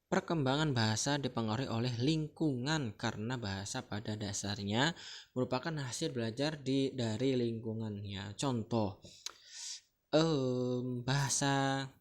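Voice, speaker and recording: This man from Central Kalimantan, Indonesia, has a mid-range voice and a measured pace. He delivers a casual explanatory lecture in a chatty way, often checking in with the listener.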